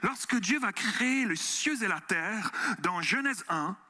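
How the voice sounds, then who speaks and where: A man's voice: sits high, a little slow. A man with a Swiss French accent tinged with Quebec and France, preaching a sermon as a pastor and often asking the congregation questions. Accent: Swiss French mixed with Quebec and French. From Switzerland. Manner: animated, asks the audience questions.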